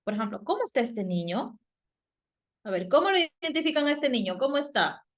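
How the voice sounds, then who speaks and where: A woman's voice: on the high side, sing-song, brisk. A Peruvian woman teaches an online class over a video call. She often turns to her students with questions and fills her talk with fillers and tag questions, keeping the tone conversational. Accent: Peruvian Spanish. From Peru. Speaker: psychologist and teacher. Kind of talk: virtual class lecture.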